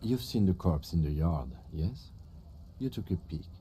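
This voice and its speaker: An actor playing a calm, stern police lieutenant in a video game, speaking in a measured, dry way that carries menace. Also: male voice, low-pitched, slight background noise. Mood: cold menace. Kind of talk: dramatic video game dialogue.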